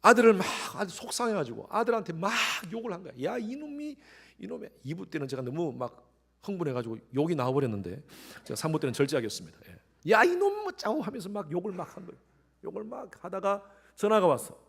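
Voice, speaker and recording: A middle-aged male pastor preaching a sermon, swinging between quiet, intimate lines and sudden loud rises, and acting out the voices he quotes. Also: on the high side, fast talker, creaky, slightly rough. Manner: acts out quoted voices with animated shifts.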